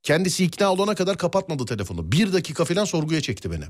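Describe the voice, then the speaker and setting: Male radio host, chatty and playful, voice jumps all over, talks fast. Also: a little high. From Turkey. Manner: animated storyteller, quick and playful. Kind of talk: casual studio banter.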